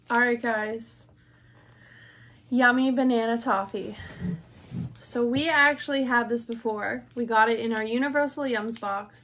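Sitting before a glitter backdrop indoors, an American woman in her thirties chats enthusiastically with a co-host during a casual snack tasting, talking while she eats. Her voice is on the high side and a bit bright.

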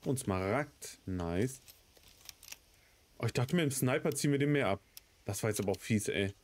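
A let's play host in his thirties, fighting a cold and coughing, gives casual gameplay commentary full of swearing and muttered reactions. His voice is mid-range, expressive and slightly mellow, at a moderate pace.

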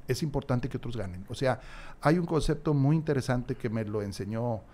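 An older man, speaking as a podcast guest in an unhurried, expansive way. His voice sits at an ordinary pitch, and he acts out quoted exchanges and repeats ideas for emphasis. He is close on a studio mic in a small room. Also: expressive, darkish tone, slight background noise. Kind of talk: casual conversational interview. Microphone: large studio mic on a stand, headphones.

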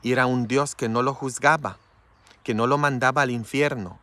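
Polish-born priest preaching frankly. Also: male voice, mid-range voice, steady tone, normal speed, sharp tone, no echo. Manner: frank and tender, with constant "mm?" tag questions. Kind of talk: informal preaching talk.

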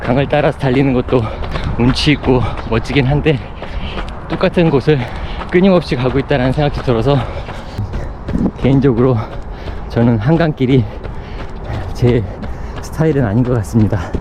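A man's voice: mid-range voice, moderate pace. Man talking while running outdoors, noisy surroundings. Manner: talking while running, in short broken phrases. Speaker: running vlogger. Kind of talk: reflective casual vlog monologue. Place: outdoors on city running paths. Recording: clear outdoor urban noise, passing traffic.

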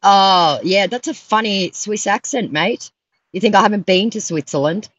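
A middle-aged woman who baits scammers confronts someone on a video call, scolding them with sarcasm and mockery. Her mid-range voice has a fairly bright tone and moderate pace, though the phone audio sounds dull.

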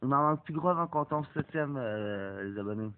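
A young Québécois man with a cold talks through a mobile racing game in a medium-pitched, animated, brisk voice, swearing and then apologizing for it. He's a gaming YouTuber doing casual commentary, and the phone-like lo-fi recording carries a faint hiss.

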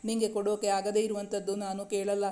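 A woman's voice: mid-range voice, completely flat delivery, a little fast, warm tone, close to an everyday voice. A woman reading the lines of a playful, affectionate young man who is the hero of a romance story. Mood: teasing. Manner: playful, affectionate, mock-stern.

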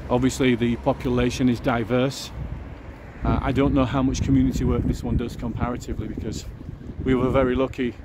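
A man's voice: mid-range voice, little pitch movement, a little fast. A man giving a casual walking-tour commentary outdoors, musing aloud with fillers. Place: outdoors on a city street. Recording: outdoor street noise behind.

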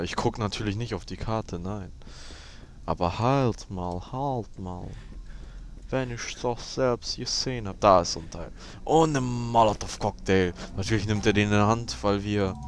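A young man giving casual let's play commentary, sarcastic and crude, who yells when the game startles him. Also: on the low side.

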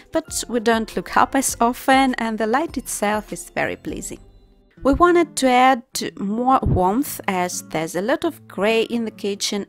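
Woman narrating a home DIY vlog. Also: on the high side. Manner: plain, practical step-by-step explaining. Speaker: DIY channel host. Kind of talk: voice-over narration of a home renovation.

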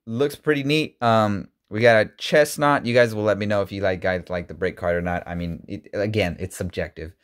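A man in his thirties chatting casually as he opens trading card packs, rambling with many ums and restarts, his voice jumping high when surprised. He talks from an indoor room on a webcam and desk mic. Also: fairly even intonation, fairly quick, hardly any pauses, smooth. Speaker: YouTuber opening card packs. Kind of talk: casual card-opening vlog.

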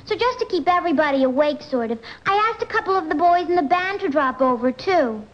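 A woman's voice: high-pitched, expressive, fast, background noise. A woman playing a breezy, chatty teenage girl with mock-innocent understatement in a vintage TV commercial. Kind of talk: 1960s TV commercial monologue. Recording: dull vintage TV soundtrack, faint music.

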